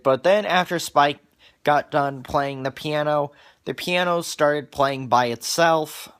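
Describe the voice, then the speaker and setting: A man's voice: a little high, fairly bright tone. A man casually recapping a cartoon episode for viewers, stumbling through restarts and repeated words as he goes. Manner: wears glasses on camera.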